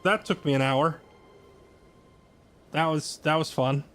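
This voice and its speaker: Male streamer, casual live chat, sarcastic, worn out, slightly high voice. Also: slow, a bit bright, soft background music. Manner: sarcastic, chatty, self-deprecating. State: tired.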